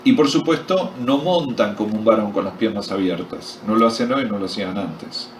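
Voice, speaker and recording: A man's voice: fairly low pitch, normal speed, a little hiss or hum. A man with an Argentine accent preaching a sermon at a men's retreat, quizzing his audience and joking as he tells the story. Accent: Argentine Spanish. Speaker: pastor. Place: retreat meeting hall. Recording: echoey hall recorded from far off.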